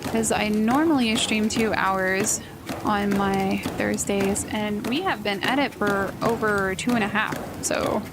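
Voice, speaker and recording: A woman's voice: medium pitch, slow pace, background noise. A young woman streamer chatting casually and thinking aloud while playing a game. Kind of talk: casual let's play commentary. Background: game music.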